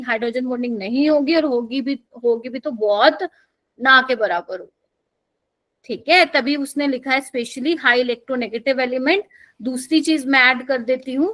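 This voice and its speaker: A young woman with a high, bright-toned voice leads a live chemistry exam-prep class in Hindi laced with English terms. She quizzes students one item at a time and keeps checking that they follow. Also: low-quality recording. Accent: Hindi, mixed with English terms. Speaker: chemistry teacher.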